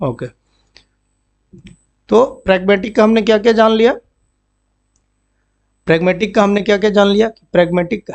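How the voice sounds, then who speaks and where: A man's voice: high-pitched, gravelly, darkish tone. A man teaching vocabulary in a classroom style, often repeating words and checking with "understood?". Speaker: banking exam vocabulary teacher. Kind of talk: Hindi-English classroom explanation.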